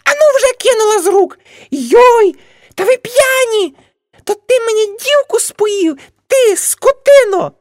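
Brief: older shrill aunt, shrieking high scolding, dry close read, audiobook. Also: female voice, animated, unhurried, a little mellow, no echo.

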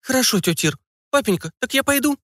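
A man doing a squeaky pleading young girl. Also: animated, fast, a bit bright, dry recording, clean studio sound, exaggerated voice. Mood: eager.

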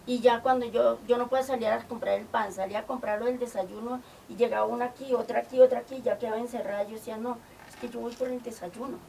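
An older woman from Colombia, telling lively stories from her community work, often acting out quoted dialogue. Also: on the high side, fast talker, hardly any pauses. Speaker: community organizer. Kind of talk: storytelling. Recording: distant mic with clear background noise.

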